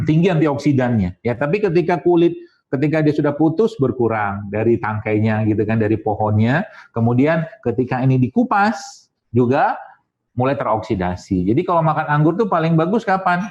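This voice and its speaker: A man's voice: medium pitch, expressive, normal speed, a little mellow. A man giving a casual, jokey health talk to an audience, with sound effects and quoted voices. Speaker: Islamic health speaker. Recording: dull lo-fi sound.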